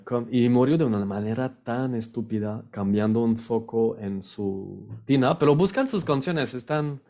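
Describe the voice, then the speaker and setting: A man's voice: mid-range voice, darkish tone. A man from France with a French accent, a native French speaker teaching a video language lesson, patiently repeating each word. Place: on camera, recording a video lesson.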